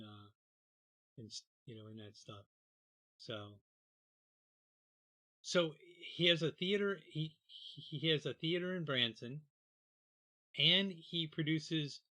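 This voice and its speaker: A middle-aged man hosting a comedy livestream, rambling to himself and trailing off softly between bits. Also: on the high side. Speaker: podcast host. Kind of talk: casual livestream chat.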